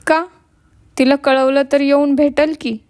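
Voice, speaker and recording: A woman voicing a gentle young village boy who speaks in a soft, consoling way. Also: high voice, little pitch movement, a little slow, no echo, clean studio sound, voice pushed up.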